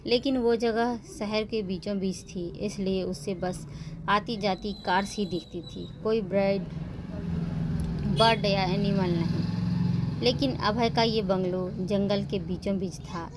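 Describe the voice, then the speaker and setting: A woman reading a romance story aloud with steady, even storytelling. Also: medium pitch, noisy background. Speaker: narrator. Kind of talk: scripted narration of a romance story.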